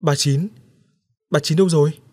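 A man's voice: a little high, steady tone, moderate pace, a little mellow, no echo, clean studio sound, pitched above the performer's own voice, lightly acted. A man voicing a delirious village husband who begs and babbles as if haunted. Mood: bewildered. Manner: raving, pleading babble.

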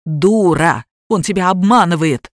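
A woman voicing a quarrelsome middle-aged mother who drinks, shrill and accusing, in a storybook reading. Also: big pitch swings, moderate pace, dry recording, clean studio sound. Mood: scolding.

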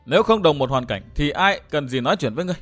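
A man's voice: on the high side, expressive, rapid-fire, faint music behind. A man voicing a fiery young heroine, Linh Nhi. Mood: stern. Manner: sharp, scolding, tearful outbursts. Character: young woman, fiery and sulky martial heroine.

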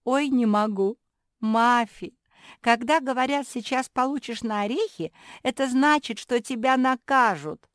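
A woman's voice: fairly high pitch, unhurried, a bit bright, no room sound, clean studio sound, pitched above the performer's own voice. A woman doing a giggly, touchy young pug girl. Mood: teasing. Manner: giggling, easily offended. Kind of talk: storybook character voice.

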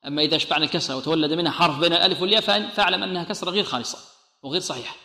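Bright-voiced man teaching Quran recitation, echoey hall. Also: on the high side. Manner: patient, demonstrates sounds slowly and repeats them; praises and blesses his students often.

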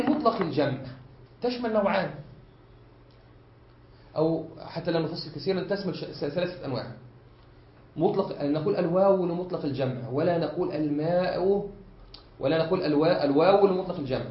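Egyptian male sheikh, high voice, patient classroom explainer with drawn-out fillers, echoey lo-fi room recording. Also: lively intonation. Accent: Egyptian Arabic. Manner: explains step by step and keeps checking students follow; frequent drawn-out hesitation fillers. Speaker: sheikh teaching a study circle. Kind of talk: classroom lesson. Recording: echoey room, dull lo-fi sound.

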